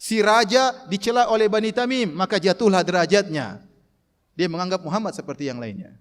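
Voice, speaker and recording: High-voiced preacher in echoing hall. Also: male voice. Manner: animated, mimics shouting callers with raised voice; recites Arabic verses slowly. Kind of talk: Quranic commentary lecture. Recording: long hall reverb.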